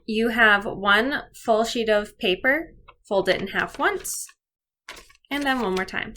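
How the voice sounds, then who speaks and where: Her voice is a little high, bright and forceful, and she takes a slow pace over slight background noise. As an elementary teacher in a video lesson, she addresses the children directly with clear, step-by-step instructions.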